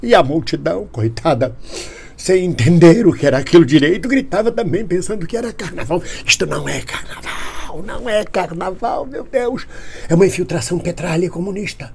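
A man playing a paranoid right-wing man in a satirical comedy monologue, husky, with a Brazilian Portuguese accent, alarmed and indignant, swinging from hushed whispers to high outbursts. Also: expressive, brisk, a little hiss or hum. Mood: panicked ranting.

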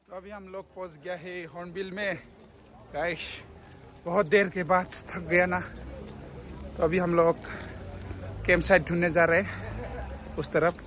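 A man's voice: sits high, flat delivery, unhurried, pauses often. A young man vlogging his trip, chatting as he walks outdoors with a phone held at arm's length. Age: young adult. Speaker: travel vlogger. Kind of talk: casual travel vlog. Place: outdoors at a busy festival and roadside. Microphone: phone camera held at arm's length. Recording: noisy outdoor phone recording.

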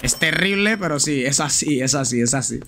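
A man's voice: medium pitch, animated, a little fast, bright, forceful tone, a little hiss or hum. A man streaming a game live, chatting casually and slangily straight to his viewers and reading their messages aloud. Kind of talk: casual live gameplay chat.

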